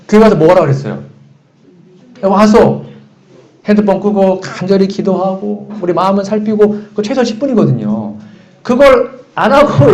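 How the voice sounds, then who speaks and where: A man's voice: sits high, darkish tone. A man preaching a sermon as pastor, talking animatedly and asking the congregation questions. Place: church sanctuary. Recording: echoey church room, dull lo-fi sound.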